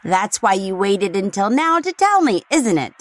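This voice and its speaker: A woman's voice: medium pitch, big pitch swings, a little slow. A woman voicing a busy, harried mother who sounds dry and exasperated in a recorded English-lesson dialogue.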